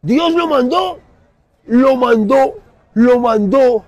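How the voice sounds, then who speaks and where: A middle-aged man with a Colombian Spanish accent delivers an impassioned street sermon in an outdoor plaza. His voice sits high and a little husky. He talks with lively, swinging intonation, going from loud to soft. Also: very slow, no room sound. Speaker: street preacher. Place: outdoor city plaza under trees.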